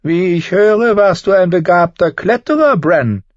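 Tyrion Lannister, a man doing a mocking high voice. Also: lively intonation, measured pace, dry recording. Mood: sardonic. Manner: mocking, cool and needling. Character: sardonic, sharp-tongued small nobleman, adult man. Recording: slightly dull audio.

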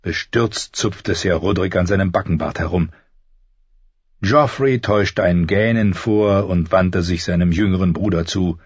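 A man reading an audiobook in measured, expressive scripted narration. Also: deep voice, husky, dry recording. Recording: dull lo-fi dry recording.

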